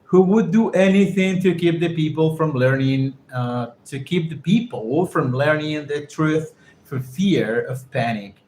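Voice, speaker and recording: A man's voice: fairly high pitch, lively intonation, unhurried, a little mellow. A man whose first language is Spanish reads an English text aloud for a lesson, stopping to define words and repeat their pronunciations. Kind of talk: reading a text aloud and explaining vocabulary. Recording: echoey room with faint ambient noise.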